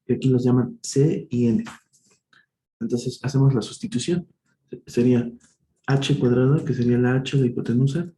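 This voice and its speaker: In a live online tutoring session, a man patiently and slowly works through math problems step by step, reasoning aloud and correcting himself. His voice is mid-range, steady, and warm. The room is echoey, with faint noise present.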